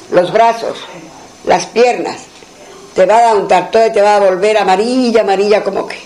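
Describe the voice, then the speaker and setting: A man's voice: sits high, creaky, low-quality recording. A man telling a traditional folk tale aloud in a homely way, repeating phrases and speaking the characters' lines himself. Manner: homely, repetitive, voices the characters' lines in turn. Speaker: storyteller.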